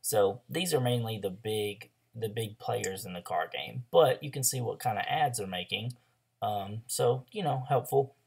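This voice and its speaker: An online ads coach, a young man, leads a screen-share tutorial in a casual, rambling style full of likes and ums. Hoarse after a throat illness, he speaks at a measured pace. His voice is on the low side with a darkish tone.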